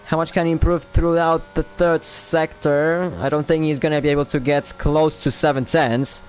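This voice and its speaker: Live esports commentary on a sim racing qualifying session comes from a young man with a Polish accent, who muses aloud between laps but jumps up and quickens when lap times appear. His fairly high voice shows little pitch movement and a darkish tone, at a moderate pace with slight background noise.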